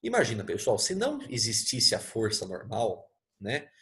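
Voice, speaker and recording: A man's voice: on the low side, huge pitch swings, moderate pace, pushed and bright. A man with a Brazilian Portuguese accent teaching a live online physics lesson, chatty and playful, checking in with his students after every point.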